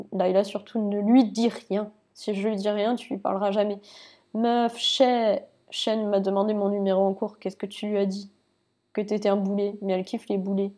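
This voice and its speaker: A woman records casual let's play commentary on a lapel mic. Her voice is mellow and dark-toned, with very little pitch movement. She reads on-screen messages in a low-key way, with small slips and restarts. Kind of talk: casual let's play commentary, reading game texts aloud.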